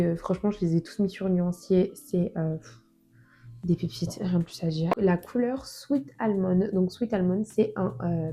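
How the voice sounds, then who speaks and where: A woman's voice: medium pitch, dark tone. A woman casually presenting nail polish collections, chatty and self-deprecating, with many fillers. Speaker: nail product reviewer.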